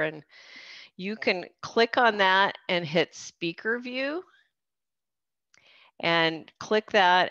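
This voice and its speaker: Friendly and full of fillers, a female fitness program coordinator and event host walks participants through a video call's settings one step at a time. Her voice is lowish with a fairly bright tone, and there is no room sound in the dry, slightly dull video-call recording.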